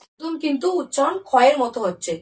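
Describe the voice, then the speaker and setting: High, lively woman teaching young children. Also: distant mic. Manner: asks the pupils questions and answers them herself; repeats example words slowly and clearly. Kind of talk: Bengali lesson for young children.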